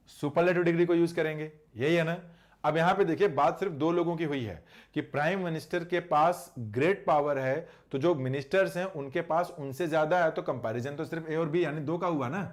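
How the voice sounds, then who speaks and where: Guy teaching english grammar in a live online class, bit high voice, chatty, grumbles at students, reads example sentences slow. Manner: chatty, scolding asides to students.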